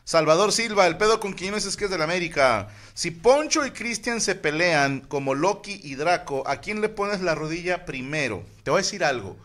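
Mexican dude high voice reading listener shout-outs, crude jokes, loose group chat. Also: male voice, lively intonation, normal speed, hardly any pauses. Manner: crude joking, reads shout-outs aloud. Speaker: podcast host reading listener messages. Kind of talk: casual group banter.

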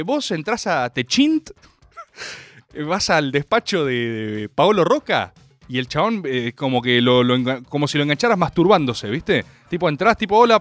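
An Argentine man hosts a radio show, riffing through a comedic monologue. His voice sits somewhat high for a man and swings widely in pitch, mock-grandiose and full of slang, with faint music underneath. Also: a bit bright, no room sound. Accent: Argentine Rioplatense Spanish.

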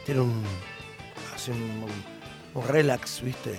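Animated Argentine singer, middle-aged man. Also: medium pitch, drawn-out words, over music. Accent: Argentine Spanish. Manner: animated storyteller, trails off with hesitations. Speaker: singer and radio guest. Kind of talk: casual radio interview chat.

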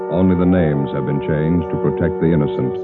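Deadpan american cop on old radio show, really deep voice, clipped, muffled narrow sound. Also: male voice, a little fast, loud music behind the voice. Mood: terse, deadpan. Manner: deadpan, flat, businesslike. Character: terse, matter-of-fact male police detective sergeant narrating his case. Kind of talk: 1950s radio police drama, clipped narration.

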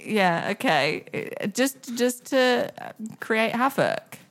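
A woman hosting a casual radio chat, asking her guest playful questions in quick succession. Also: fairly high pitch, very animated. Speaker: radio host.

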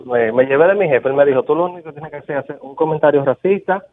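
A man's voice: on the high side, very fast. A man calling a radio show, chatting casually and familiarly in slang, with hesitant starts. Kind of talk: casual call-in chat. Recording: muffled lo-fi telephone call.

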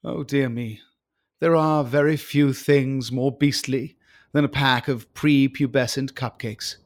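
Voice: mid-range voice, fairly even intonation, measured pace. A storyteller giving a campy, melodramatic comic narration of a gruesome tale.

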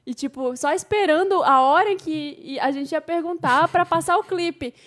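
A woman with a high voice tells a story on a casual chat show. She is lively and acts out the voices of the people she quotes. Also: normal speed. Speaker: co-host.

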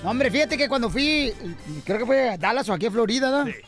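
Lively high-voiced radio host. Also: male voice, fast talker. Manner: animated joking, slangy, sends shout-outs. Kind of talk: comedic radio banter. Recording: music playing behind. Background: music.

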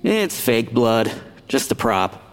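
A man's voice: mid-range voice, sing-song, slow pace, in a large hall, faint music behind. An actor playing a sarcastic, blunt ghost who drops his dinner-theater role. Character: snarky male ghost actor, Colonel Mustard role. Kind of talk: audio drama acting.

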